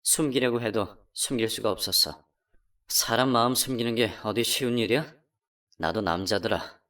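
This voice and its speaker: A man playing a middle-aged husband caught cheating, speaking in a low, subdued, apologetic way in a radio drama. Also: moderate pace, fairly bright tone, far from the mic, lightly acted. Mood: guilty pleading.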